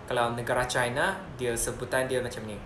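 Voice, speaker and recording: A woman explains casually to camera, giving examples. Her voice sits very low. There is a roomy echo and a faint hiss behind her. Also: little pitch movement, brisk, a bit bright.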